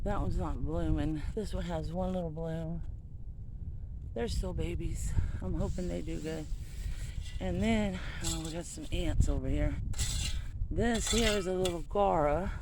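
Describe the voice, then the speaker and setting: A woman with a drawl rambles through a garden tour, stopping herself mid-thought and wandering between topics. She talks slowly and easily. Clear outdoor noise from the countryside sits behind her phone recording. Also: lowish voice. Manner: rambling, chatty, self-interrupting. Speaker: gardening vlogger. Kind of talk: casual garden tour chat. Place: outdoors in a rural yard and garden. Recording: outdoor noise from rural surroundings.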